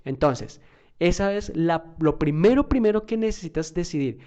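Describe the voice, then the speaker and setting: A man with a mellow, warm voice gives an online English lesson. He talks conversationally, repeating himself and using fillers. He often checks in with the listener through short questions. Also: on the high side, animated, normal speed. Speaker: English teacher.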